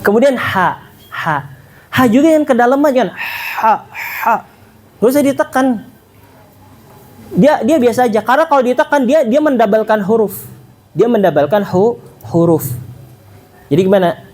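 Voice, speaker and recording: A man giving a casual tajwid lesson, quizzing his listeners and sounding out letters slowly. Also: very high-pitched. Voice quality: animated, quizzing the audience, demonstrating sounds slowly. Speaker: Quran recitation teacher.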